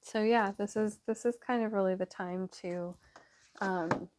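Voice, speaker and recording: A woman's voice: mid-range voice, steady tone, unhurried, darkish tone. A woman giving a casual tarot reading to her viewers, chatty and rambling with many fillers. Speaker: tarot reader.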